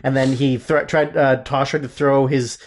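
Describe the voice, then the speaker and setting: A man's voice: mid-range voice, level tone, normal speed. A man co-hosting a casual podcast, rambling with lots of fillers and restarts while he looks things up. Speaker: podcast co-host.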